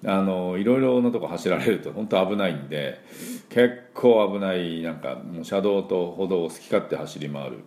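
Middle-aged guy teaching pronunciation, chatty, lots of fillers, really low mellow voice. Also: animated, reverberant. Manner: chatty, frequent fillers, demonstrates sounds slowly. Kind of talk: casual spoken lesson.

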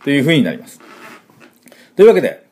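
A man teaching English in a chatty explanatory lesson, full of fillers, slowly sounding out each word. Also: medium pitch, wildly swooping pitch, a little mellow.

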